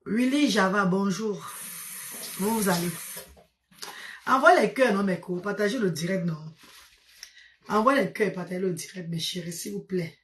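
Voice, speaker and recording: A woman's voice: medium pitch, normal speed, long pauses, slight background noise. A tired woman hosting a casual live stream, greeting her viewers one by one and fondly calling them mother and sister. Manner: affectionate, calls viewers maman and sister.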